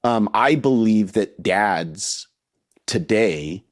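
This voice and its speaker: A man's voice: lowish voice, lively intonation, very slow. Earnest man in his fifties. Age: 50s. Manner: earnest and heartfelt, repeats words as he restarts. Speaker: podcast guest. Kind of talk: casual interview talk.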